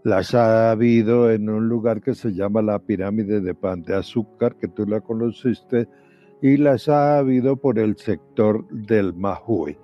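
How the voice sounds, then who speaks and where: A man giving unhurried explanatory answers as an interview guest. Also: lowish voice. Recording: dull, dry lo-fi audio. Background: background music.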